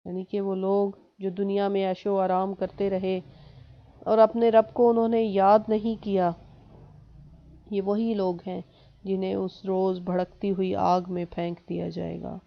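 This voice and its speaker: A woman teaching a lesson, reciting verses and then translating and explaining them slowly. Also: medium pitch, flat delivery, vocal fry, highs cut off. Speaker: Quran teacher.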